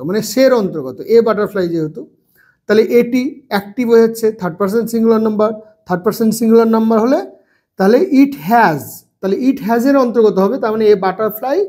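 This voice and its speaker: A man teaching English grammar to children, slowly repeating phrases and spelling words out letter by letter. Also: sits high, expressive, darkish tone. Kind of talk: bilingual grammar lesson.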